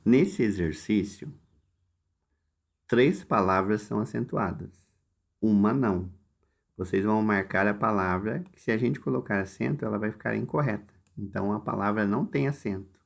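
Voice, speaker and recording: Gravelly, low-voiced Brazilian teacher. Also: male voice. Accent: Brazilian Portuguese. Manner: slow, instructive, addresses students directly with step-by-step directions. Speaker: Portuguese teacher. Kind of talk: recorded lesson walking through workbook exercises.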